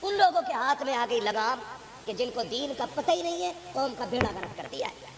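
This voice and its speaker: A male imam with a north Indian Urdu accent preaching a sermon, who tells stories and asks pointed rhetorical questions. He moves between quiet, chatty asides and loud, forceful exhortation. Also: very high voice, very animated, gravelly, background noise. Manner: emphatic, swings from soft asides to loud exhortation; conversational storytelling with rhetorical questions. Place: religious gathering before a live audience. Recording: live gathering with audible crowd.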